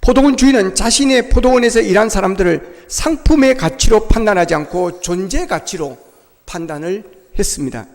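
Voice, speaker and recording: A man's voice: sits high, lively intonation, moderate pace, big-room sound. A male pastor preaching a sermon in a church, making his points with emphatic rhetorical questions.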